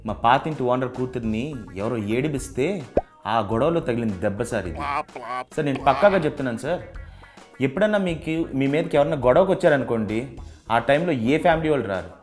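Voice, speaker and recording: A man's voice: medium pitch, expressive, fast, a little mellow, soft background music. A young man, a bachelor tenant, earnestly persuading a house owner in a comedy sketch, saying "sir" again and again.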